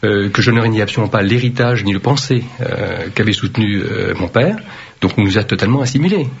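A man who serves as a mayor, answering interview questions firmly and deliberately, with frequent hesitations. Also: fairly low pitch, lively intonation, vocal fry, husky. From Vietnam. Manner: firm, measured, with frequent hesitations. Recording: dull lo-fi radio recording.

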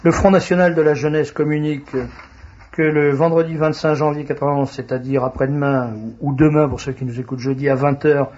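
A man with a husky, slightly rough voice hosts a radio talk show, reading out announcements and stopping often to hesitate. The recording is dull and lo-fi. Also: a little high, steady tone, a little mellow. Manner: halting, frequent hesitations. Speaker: radio host.

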